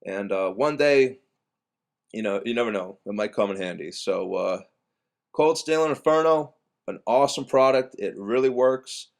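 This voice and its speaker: A man's voice: mid-range voice, expressive, normal speed, gravelly. A young man tells a story straight to the camera in a loose, casual vlog. He rambles and restarts his sentences, fills the gaps with ums, and swears bluntly as he goes. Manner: rambling with many restarts and fillers. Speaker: bouncer.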